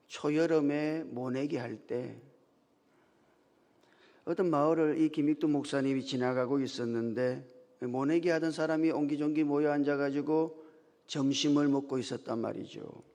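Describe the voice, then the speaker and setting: A male pastor delivering a Sunday sermon, telling stories that build to loud, emphatic peaks. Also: medium pitch. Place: church sanctuary. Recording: long church hall reverb.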